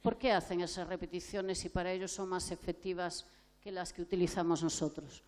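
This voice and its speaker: Psychologist lady from giving a talk, kinda low voice, keeps asking the room questions. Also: steady tone, brisk, darkish tone. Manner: explanatory, asks rhetorical questions and addresses the audience directly. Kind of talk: conference lecture.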